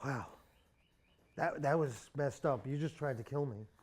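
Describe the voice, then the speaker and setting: A man's voice: mid-range voice, measured pace, a little mellow, lightly acted. A young man playing a cowardly, irresponsible slacker in a naturalistic comic drama, whiny and pleading as he babbles. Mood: indignant, nervous.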